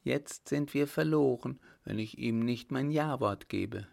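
A man's voice: mid-range voice, gravelly. A man reading a coldly vengeful young woman. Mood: cold resolve. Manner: calm, hard, measured. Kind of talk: audiobook character voice.

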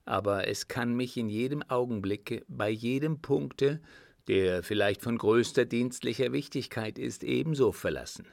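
A man reading an audiobook voices an earnest young army officer who speaks calmly and politely. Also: mid-range voice, gravelly, dry recording, studio quality. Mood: resigned. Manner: calm, measured and formally polite.

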